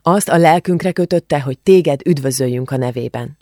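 A woman's voice: low voice, warm tone, dry recording, studio quality, lightly acted. A woman reading the part of a brash, cheeky teenage girl who speaks bluntly and offhandedly, in an audiobook. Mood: brisk, informative.

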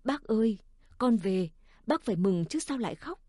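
A woman's voice: mid-range voice, expressive, brisk, dark tone, no room sound, clean studio sound, natural voice. A woman voicing an earnest young woman back from the war in a storybook reading, calling out plainly.

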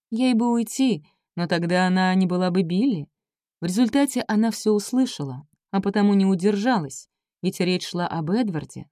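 A woman narrating an audiobook in a measured, scripted reading. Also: fairly low pitch, mellow, dry recording. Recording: dry close studio sound.

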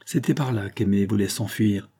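A man narrating a classic novel as an audiobook in a steady, even storytelling delivery. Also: lowish voice, moderate pace, husky.

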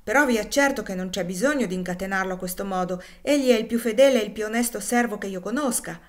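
A woman's voice: medium pitch, fast talker, natural voice. A woman voicing a sympathetic male blacksmith, earnest and questioning.

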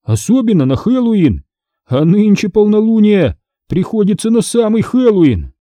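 A man voicing a mischievous, boastful teenage boy in an audiobook, loud and taunting. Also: high-pitched, sing-song, unhurried, no echo, clean studio sound, pitched above the performer's own voice. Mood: spooky. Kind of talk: audiobook character voice.

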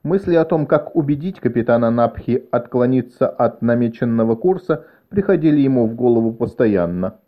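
A man narrating an audiobook in a measured, even storytelling manner. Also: medium pitch. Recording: dull lo-fi recording.

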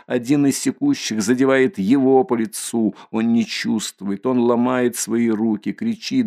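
Gravelly-voiced male audiobook narrator. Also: medium pitch, darkish tone. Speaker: audiobook reader. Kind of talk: audiobook narration of a classic novel.

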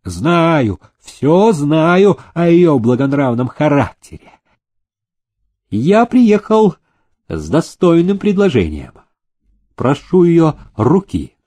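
A man voicing a proud, hot-tempered rich older suitor who speaks imperiously and breaks into shouts, in a storybook reading. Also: fairly high pitch, sing-song, takes it slowly, slightly rough, pitched above the performer's own voice, heavily acted. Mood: ardent.

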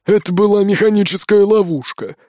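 A wounded old dwarf grumbles and groans in a weak, strained voice, as a man acts him out. He sits a little higher than an everyday man, and the storybook sound stays close and dry. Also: brisk, darkish tone, no echo, lightly acted. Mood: weak pleading.

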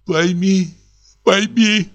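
A man voicing a desperate, hysterical young wife who cries out in shrill pleading. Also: steady tone, extremely slow, fairly bright tone, heavily acted.

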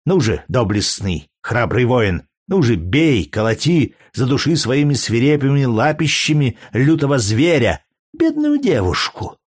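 A man's voice: mid-range voice, big pitch swings, measured pace, no room sound, studio quality. A man reading aloud and voicing a jealous, scornful young Greek courtesan with a biting, mocking manner.

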